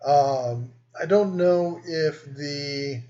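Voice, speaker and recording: A man's voice: on the high side, extremely slow, mellow, dull audio. A man hosting a casual live stream, reading and answering viewer comments in a rambling, easygoing way. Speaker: host.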